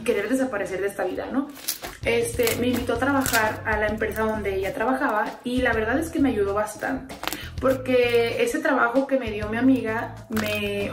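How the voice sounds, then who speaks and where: A young woman with a Mexican accent telling a dramatic storytime in a gossipy, sassy way. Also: on the high side. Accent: Mexican Spanish. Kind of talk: storytime narration. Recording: roomy, distant, faint music.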